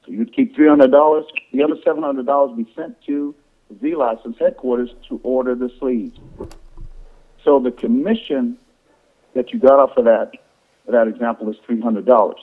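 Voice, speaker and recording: Male sales presenter, mid-pitched, informal and halting, repeats himself, heard on a narrow phone-conference line. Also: steady tone. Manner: repetitive, halting explanation with false starts. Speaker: presenter on an affiliate sales call. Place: conference call over the phone. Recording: tinny, band-limited phone conference line.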